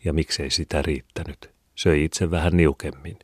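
A man narrating a classic novel as an audiobook, in a measured, even storytelling manner. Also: rumbling low, breathy edge, dry recording, studio quality.

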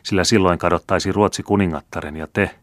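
A man's voice: deep voice, fairly even intonation, dry recording, natural voice. A man reading the lines of a wise, dutiful young woman in an audiobook, in a grave, pleading way.

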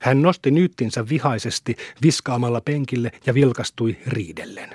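A man reading a novel aloud in steady scripted narration. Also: mid-range voice, slightly rough, dry recording, studio quality. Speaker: audiobook reader.

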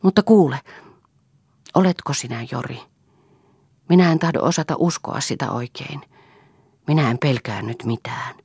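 A woman's voice: very deep voice, pauses often, darkish tone, husky, no room sound, studio quality, full character voice. A woman voicing a tender young woman who speaks in a wistful, pleading way, in a read-aloud story. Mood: dreamy.

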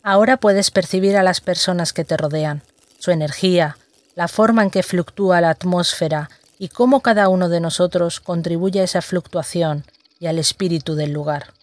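A meditation guide with a mid-range voice narrates a sensory exercise. The phrasing is deliberate and instructional, giving one direction at a time. The sound is dry, with hardly any reverberation. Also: mid-range voice.

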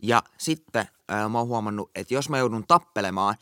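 A man co-hosting a casual chat podcast, playful and jumping high in pitch when he jokes. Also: a bit bright, clean tone, no echo, studio quality. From Finland. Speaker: podcast co-host.

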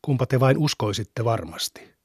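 Male reader, mid pitch, measured solemn scripture reading, dry studio sound. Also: husky, no echo. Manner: measured, even recitation.

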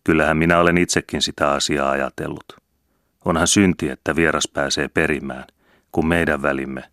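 A man's voice: a bass voice, fairly even intonation, a bit bright, dry recording, studio quality. A man voicing a sly, teasing old widower, the brother in a story reading, speaking in a playful chuckling way. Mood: earnest.

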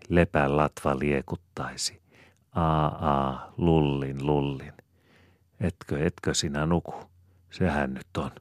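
A man's voice: very deep voice, a little mellow, no echo, clean studio sound. A man voicing a bustling, fond rural mother who rambles in homely chatter and croons lullabies to her baby. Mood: crooning.

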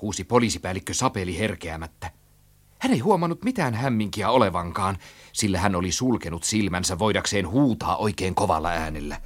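A man reading a children's story aloud in an animated, rhythmic storytelling style. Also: deep voice. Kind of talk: expressive storybook narration.

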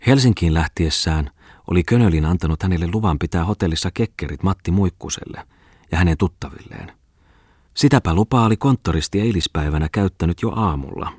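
Audiobook narrator: man, very low husky voice, dry studio sound. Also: a little mellow, dry recording. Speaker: audiobook reader.

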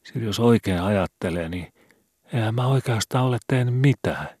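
A man's voice: on the low side, lively intonation, a little mellow, husky, dry recording, studio quality, pitched above the performer's own voice. A man voicing a frightened young street boy in old Helsinki slang, trembling and pleading.

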